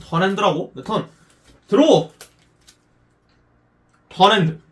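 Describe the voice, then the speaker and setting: Animated, high-pitched man, theatrical card duel hero. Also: normal speed, far from the mic. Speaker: card game channel host and player. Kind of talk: live card duel play with commentary.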